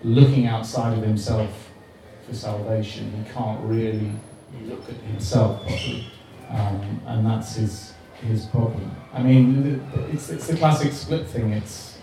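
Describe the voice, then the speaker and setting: A man's voice: lowish voice, a little slow, hardly any pauses, warm tone. A man on a book club panel, talking frankly and casually, swearing now and then and poking fun at himself. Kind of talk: casual discussion. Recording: echoey room, mic far off, faint noise.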